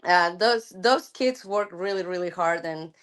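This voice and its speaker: A middle-aged woman from Argentina, a softball coach chatting thoughtfully in an interview, with many fillers and restarts. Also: fairly low pitch, measured pace, clear, resonant tone. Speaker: college softball head coach. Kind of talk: casual interview chat.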